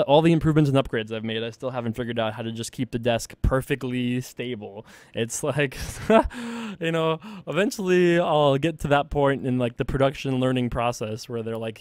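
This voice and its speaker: A man in a home desk setup talks through his online poker hands in a loose, joking way, filling pauses with "uh" and "you know." His voice sits in a middle register and the sound is dry, with no room echo. It plays as unscripted, casual commentary. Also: mid-range voice. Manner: thinks aloud, relaxed and joking, many fillers. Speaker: poker player and show host.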